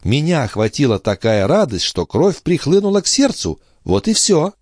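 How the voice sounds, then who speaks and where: A nervous, fragile young woman, read by a male narrator who talks in breathless, high exclamations. Her pitch swoops widely as she protests. The audiobook sound is dry and close. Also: sing-song, moderate pace, darkish tone, breathy edge, no room sound. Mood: agitated, fluttery.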